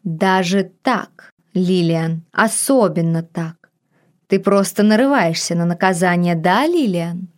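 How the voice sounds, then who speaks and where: A woman reading an audiobook, voicing a possessive, seductive man with a low, husky voice in slow, hushed, drawn-out lines. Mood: commanding.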